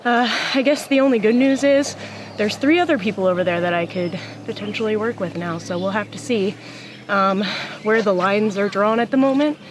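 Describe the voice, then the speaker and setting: A young woman speaks in a casual confessional after a challenge. She is out of breath and rambles with lots of fillers. Her voice sits at a middle pitch, and loud outdoor noise comes through behind her. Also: normal speed. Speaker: contestant. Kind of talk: confessional interview. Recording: noisy outdoor recording.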